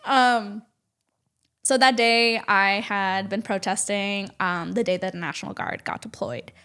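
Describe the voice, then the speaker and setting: A woman guest on a casual podcast, telling her story in an animated way and often saying "like". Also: medium pitch, unhurried, clean tone. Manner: animated storytelling, heavy use of "like". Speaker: podcast guest, nonprofit advocate and activist.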